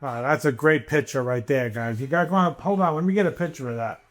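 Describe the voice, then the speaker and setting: A man's voice: mid-range voice, fast, faint music behind. A man hosting a casual chat, encouraging and prompting the others.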